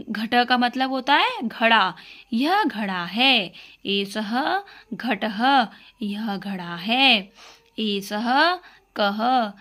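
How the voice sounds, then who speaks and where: A woman teacher leading a lesson for young children, asking questions and slowly repeating each word with its meaning. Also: fairly high pitch, a bit bright. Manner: slow repeated drill with questions.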